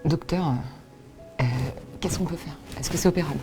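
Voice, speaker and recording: A woman's voice: sits low, steady tone, normal speed, mellow, faint music behind. A woman playing a worried, bewildered mother in a comedy sketch, speaking in an anxious, hesitant way. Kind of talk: deadpan comedy sketch acting.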